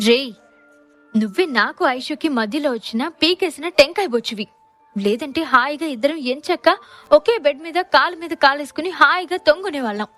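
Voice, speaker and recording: Woman doing a cheeky young best friend for an audio story, loud and mocking, high voice. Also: lively intonation, unhurried, faint music behind.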